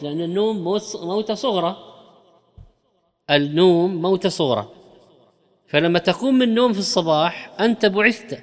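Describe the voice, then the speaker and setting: A man giving a religious lesson, explaining slowly and stretching key words for emphasis. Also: sits high, big-room sound. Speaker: religious teacher.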